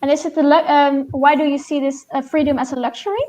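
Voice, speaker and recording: A woman's voice: sits high, steady tone, fast, a little mellow. A woman asking questions in a casual group discussion, polite and apologetic when she cuts in. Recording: dull lo-fi sound.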